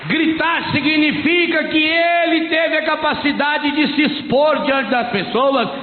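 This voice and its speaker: A Brazilian priest with a high voice and a Brazilian Portuguese accent preaches to his congregation, lively and joking, acting out the voices of the people he quotes. His sermon reaches us through a tinny, phone-like line with long reverb from a big echoey hall. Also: slow pace. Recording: tinny, echoey hall sound with faint noise.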